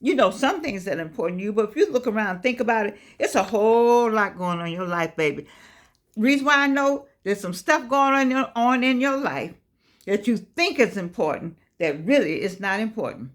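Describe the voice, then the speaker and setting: A woman's voice: medium pitch, expressive, a little fast. A woman, giving a folksy, preachy motivational talk, repeating phrases and calling listeners baby. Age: 80s. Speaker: life coach vlogger. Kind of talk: casual motivational talk to camera.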